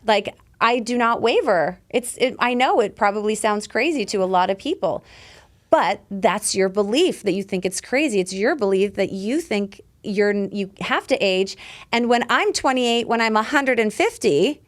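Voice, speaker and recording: Emphatic, animated woman in her forties. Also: mid-range voice, normal speed. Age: 40s. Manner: emphatic and animated, swears freely. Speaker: podcast guest, lifestyle coach. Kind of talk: casual conversational interview.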